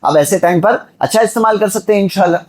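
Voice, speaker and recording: A man from Mumbai, India gives an exhorting Friday sermon in a high-pitched, slightly mellow voice. He speaks directly to his listeners and uses rhetorical questions.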